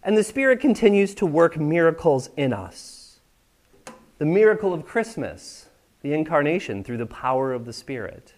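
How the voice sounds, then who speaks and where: A pastor from the United States gives a sermon in a church sanctuary, engaging the congregation conversationally and checking in with them often. His voice is a little high and darkish in tone, moving at a moderate pace with large pitch swings.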